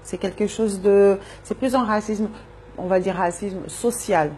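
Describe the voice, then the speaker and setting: A woman's voice: medium pitch, fairly even intonation, measured pace, a little mellow, slight background noise. A woman from Brazil, a native Portuguese speaker, interviewed on radio as a Zumba and wellness coach, talking thoughtfully and repeating words as she searches for them.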